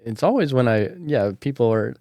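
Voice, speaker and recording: A man's voice: medium pitch, animated, normal speed, mellow, no room sound. Chatty man hosting a podcast. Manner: chatty, loose storytelling with many "like"s. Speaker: podcast host. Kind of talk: casual chat.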